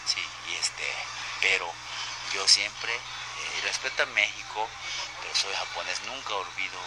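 A man from Japan with a Japanese accent, speaking halting Spanish with many fillers as a guest on a phone interview. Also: sits low, very noisy. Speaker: guest wrestler.

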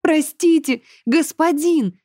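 A woman's voice: high voice, slow pace, warm tone, dry recording, studio quality, pitched above the performer's own voice. Woman doing a frantic pleading old nanny. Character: frightened older woman servant, a nanny.

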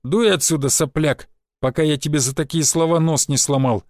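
A man voicing a gruff, dismissive male ship guard who talks in a rough, scornful way. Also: fairly high pitch, fairly even intonation, moderate pace, a little mellow, no room sound, clean studio sound, natural voice. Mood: threatening.

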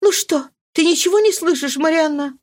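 A woman voicing a grief-stricken young noblewoman, speaking high and pleading in trembling despair. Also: normal speed. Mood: anguished. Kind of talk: audiobook character reading.

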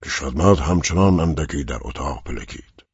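A man narrating an audiobook in a grave, slow storytelling manner, with a gravelly, husky voice. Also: rumbling low, darkish tone, no echo. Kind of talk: scripted narration. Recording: dull lo-fi recording.

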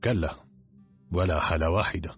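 A man's voice: low-pitched, brisk, slightly rough, soft background music. A man voicing a curt, rational expedition doctor who trusts only science. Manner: curt, matter-of-fact.

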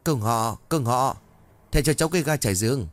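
A man's voice: medium pitch, brisk, no echo, voice pushed up, lightly acted. A man voicing a frightened young wife who scolds and pleads shrilly. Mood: exasperated.

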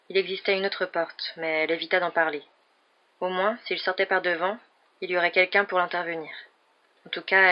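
A woman reader narrating a novel in an even, measured audiobook reading. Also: fairly low pitch. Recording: dull lo-fi recording.

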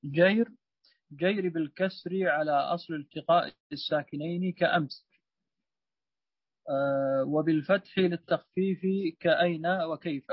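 A man reading a passage aloud for his teacher, halting between words. His voice is fairly high. The sound is dry and muffled. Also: fairly even intonation, slightly rough, dry recording. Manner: hesitant reading with fillers. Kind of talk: reading a text aloud in class.

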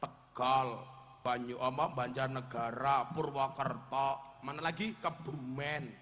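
A man with a Javanese accent preaching a humorous sermon, animated, shouting punchlines and mimicking regional dialects. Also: mid-range voice, slow. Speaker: Islamic preacher. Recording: long hall reverb, faint background noise.

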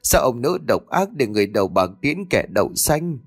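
A man's voice: mid-range voice, sing-song, normal speed, husky, no echo. A man voicing a grieving old grandmother, who laments in a raised, wailing voice.

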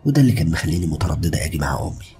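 Deep-voiced egyptian guy reading a horror story really fast, faint music behind. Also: very animated, dark tone. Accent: Egyptian Arabic. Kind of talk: first-person horror story narration.

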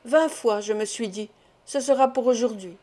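A woman's voice: a little high, moderate pace, mellow, close to an everyday voice. A woman reading the part of an anguished middle-aged mother, pleading with impassioned, tearful words in an audiobook.

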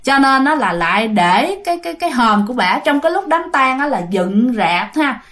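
A woman with a Southern Vietnamese accent narrates ghost stories in a loose, chatty manner, speaking straight to her listeners. Her voice is notably high. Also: very animated, normal speed, a bit bright. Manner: chatty, addresses listeners often. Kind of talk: casual storytelling.

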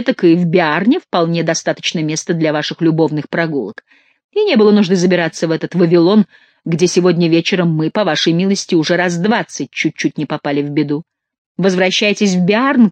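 Gruff, grumbling male soldier; scolding and irritable in every line, done by an audiobook reader; dry, close sound. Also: mid-range voice, no room sound, lightly acted. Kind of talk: audiobook character reading.

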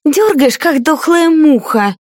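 A female audiobook narrator plays a furious, haughty noblewoman, shrill and spiteful, who hisses and snaps as she lords it over her page. She raises her voice above its natural pitch, giving it a high, lively but darkish tone at a slow pace; the recording is dry and clean studio sound.

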